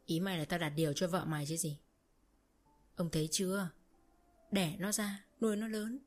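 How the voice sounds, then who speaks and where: A woman's voice: on the low side, steady tone, normal speed, a little mellow, soft background music, lightly acted. Woman putting on a wailing old mother-in-law. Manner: wailing, theatrical, self-pitying. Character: weepy manipulative rural older mother-in-law.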